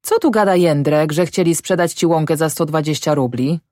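A woman voicing a sharp-tongued peasant wife who talks in a brisk, skeptical way. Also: deep voice, no room sound, studio quality, natural voice. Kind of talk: audiobook character voice.

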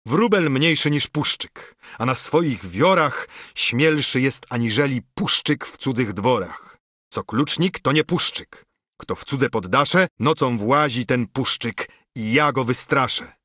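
A man's voice: medium pitch, measured pace, slightly rough, no echo, clean studio sound. A man doing a defiant old castle keyholder. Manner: loud, defiant, mocking retorts.

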